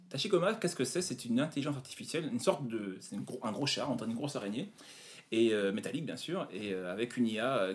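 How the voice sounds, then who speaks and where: A man presenting retro video games in a casual chat, pausing often with fillers. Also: medium pitch. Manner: hesitant, many fillers. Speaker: game presenter.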